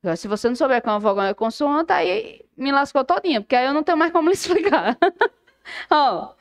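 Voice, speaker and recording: Lively high-voiced woman teaching law. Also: fast. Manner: lively, asks questions and answers them herself. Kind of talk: exam prep lecture.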